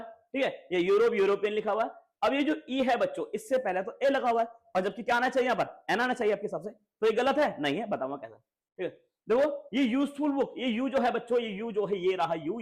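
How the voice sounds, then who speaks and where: A man teaching a grammar lesson to schoolchildren, asking and repeating questions. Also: high-pitched. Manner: lively, repeats questions to students, coaxing.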